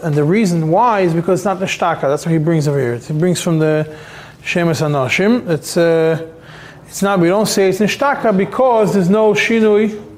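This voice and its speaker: A somewhat high-voiced man leads a religious text class. He speaks haltingly, circling back and repeating words and fillers as he works through each point. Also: a little mellow. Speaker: rabbi teaching a Talmud class. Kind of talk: explaining halachic texts to a class.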